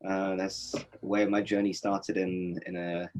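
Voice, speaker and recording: Man, low-pitched, from Norway, reflective interview guest, fillers and restarts, webinar audio. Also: little pitch movement, slow, a little mellow. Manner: thoughtful, many fillers and restarts. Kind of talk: reflective conversational answers. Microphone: webinar video call.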